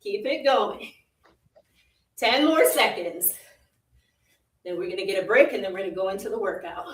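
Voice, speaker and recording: Coaching a live virtual workout, a woman with a Jamaican accent speaks at medium pitch and a moderate pace. The fitness instructor gives brief, encouraging cues again and again and laughs readily, heard in a roomy recording far from the mic.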